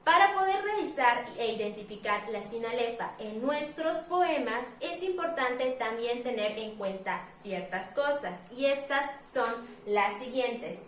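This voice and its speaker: Teacher at a board, echoey room. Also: female voice, a little high, animated, distant mic, a little hiss or hum. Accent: Mexican Spanish. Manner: patient, says example words slowly and repeats them. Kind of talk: explaining at a board.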